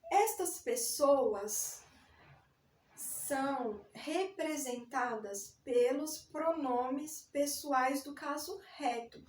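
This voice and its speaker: A woman's voice: sits high, very slow, recorded from a distance, slight background noise. A woman teaching a recorded grammar lesson, patiently explaining step by step and spelling words out. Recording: echoey room, voice a bit off-mic.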